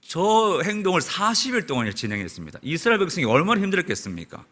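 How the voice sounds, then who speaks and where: A male pastor preaching a sermon in a church, telling the story in an animated way. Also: sits high, quick pace. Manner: animated storytelling, acts out quoted shouts. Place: church sanctuary.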